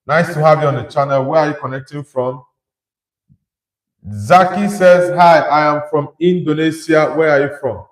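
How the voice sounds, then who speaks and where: A young Nigerian man, voice on the high side, talks at a normal speed while hosting a relaxed football livestream. He reads viewer messages out loud and shares his opinions in reply. The sound is reverberant and the audio quality poor.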